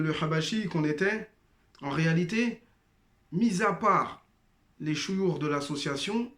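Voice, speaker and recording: A man whose voice is on the high side gives his testimony as a former member, heard in a reverberant space. He speaks hesitantly to his brothers and sisters, with frequent fillers and restarts, and is not a first-language Arabic speaker.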